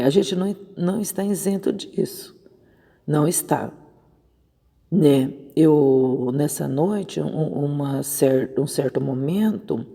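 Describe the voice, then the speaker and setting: A woman's voice: deep voice, gravelly, warm tone, husky, big-room sound. A woman missionary preaching an informal devotional on a Bible verse, conversational and often checking in with her listeners. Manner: conversational, keeps asking "né?".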